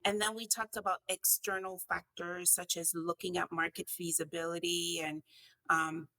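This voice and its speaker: A woman's voice: fairly low pitch, flat delivery, moderate pace, vocal fry, sharp tone, no room sound, low-quality recording. A woman from the US Virgin Islands, hosting a podcast in a conversational style. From US Virgin Islands (St. Croix). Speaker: podcast host.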